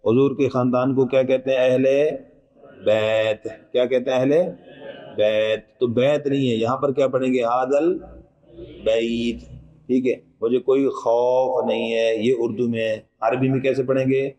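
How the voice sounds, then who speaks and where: Slow, patient male recitation teacher. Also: medium pitch, level tone, dark tone, poor audio. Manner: patient, explains letter by letter and asks the class questions; chants verses in a drawn-out melodic tone. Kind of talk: recitation pronunciation lesson.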